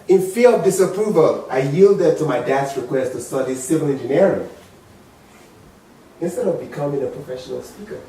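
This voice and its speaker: A man's voice: animated, fairly quick, slight background noise. A man in his forties with an African accent, giving a dramatic, emphatic motivational speech to an audience. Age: 40s. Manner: dramatic, emphatic, swings from low murmurs to loud high exclamations. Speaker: public speaker. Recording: very echoey hall, mic far off.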